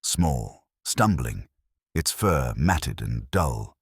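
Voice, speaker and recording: A man narrating a sci-fi story in a measured, dramatic storytelling manner. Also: a bass voice, big pitch swings, husky, no echo, clean studio sound.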